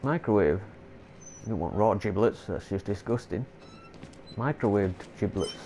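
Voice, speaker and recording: A gameplay commentator, a man congested from a cold, casually plays a horror game and stumbles on long words as he reads notes aloud. His voice is fairly low and dark, at a moderate pace, over soft background music.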